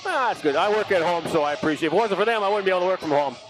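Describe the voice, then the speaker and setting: A middle-aged man calling live hockey play-by-play, with excitable calls that jump high on big saves. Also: very fast, over music. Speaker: play-by-play announcer. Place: ice arena broadcast booth. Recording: noisy arena stream.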